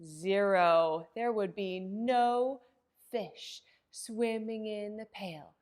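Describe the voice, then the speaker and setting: A woman hosts a children's story time, using simple words and a singsong, encouraging tone with exaggerated, dramatic delivery aimed at young kids. Her voice is mid-range with a darkish tone, and she speaks extremely slowly.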